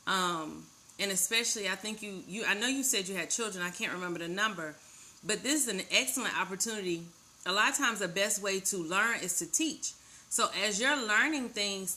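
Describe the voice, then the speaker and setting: Chatty lady doing a live tarot reading, bright forceful voice, just keeps talking and cheering you on. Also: mid-range voice. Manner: chatty and talkative; warm, encouraging, addresses listener directly. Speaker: tarot card reader. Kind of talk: casual live-stream card reading.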